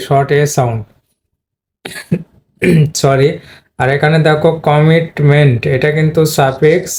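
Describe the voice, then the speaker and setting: A Bengali-speaking man with a flat, fairly high voice gives a spoken English pronunciation lesson. He walks viewers through it step by step, talking to them directly, and clears his throat from time to time.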